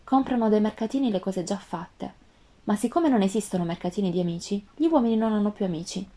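Woman reading a wise gentle fox. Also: mid-range voice, fast, natural voice. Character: gentle wise female fox, patient and wistful. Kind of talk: storybook reading.

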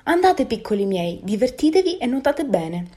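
A woman's voice: fairly high pitch, very animated, moderate pace, pitched above the performer's own voice. A woman voicing a loving, stubborn mother duck in a storybook reading. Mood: fond. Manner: bright, protective.

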